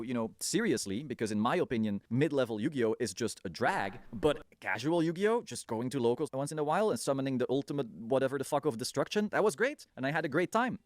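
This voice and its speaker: A man's voice: on the high side, dry recording, clean studio sound. A man talking casually in a vlog, loose and profane, often breaking into laughs. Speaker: YouTuber.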